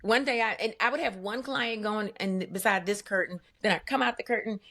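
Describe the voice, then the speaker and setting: A woman guest, a business owner, telling her story in an animated, emphatic way with vivid asides. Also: medium pitch, brisk. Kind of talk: conversational storytelling.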